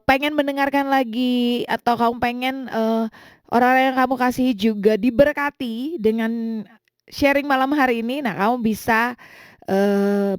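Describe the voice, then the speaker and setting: Woman, radio host, chatty talk-show manner, fairly high voice, dry close sound. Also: dry recording. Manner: chatty, friendly, with frequent fillers. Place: radio studio.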